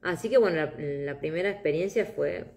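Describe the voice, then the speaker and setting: A middle-aged woman, giving a live meditation talk in a soft, reflective way, telling personal stories. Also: sits low, fairly quick, vocal fry. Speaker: meditation guide.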